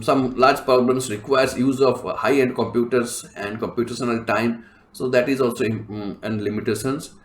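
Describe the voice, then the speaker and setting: A male professor giving a recorded lecture, explaining step by step with many fillers and frequent throat clearing. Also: mid-range voice, roomy sound.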